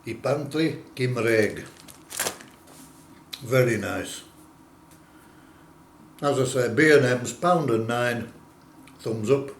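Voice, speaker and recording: A man records a casual food review in a roomy, echoing space with faint noise behind him. His pitch sits in the middle, and he talks in unhurried, plain-spoken phrases, as a small-time vlogger would.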